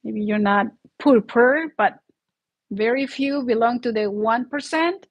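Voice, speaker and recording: A fairly high-pitched, slightly slow woman speaks on a muffled recording, hosting her own YouTube channel in a casual livestream monologue. She's from Mexico with a Mexican Spanish accent, and though she's sick with the flu and a sore throat, she talks earnestly and from the heart, often laughing mid-sentence.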